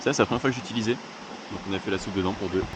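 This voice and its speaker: A young man with a lowish voice chats and jokes to his camera while hiking a mountain trail. Running water rushes loudly behind him, caught on the camera's own mic out in the open. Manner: chatty and joking, talking to camera. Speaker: hiking vlogger. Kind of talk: casual vlog chat. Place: outdoor mountain trail by a stream. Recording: outdoor camera audio, stream noise behind.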